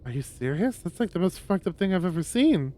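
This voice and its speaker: A man streaming a visual novel, reading the story aloud in a lowered voice with loud reactions. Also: very animated, brisk, a little hiss or hum. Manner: reads narration in a lowered voice, reacts with loud exclaims. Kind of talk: reading a story game aloud with chatty asides.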